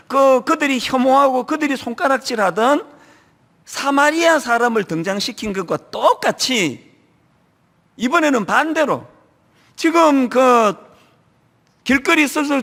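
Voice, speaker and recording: A middle-aged man from the region preaching a sermon, lively and acting out church members in quoted asides. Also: very high voice. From Gyeongsang region, Korea. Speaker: pastor. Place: large church sanctuary. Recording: long hall reverb.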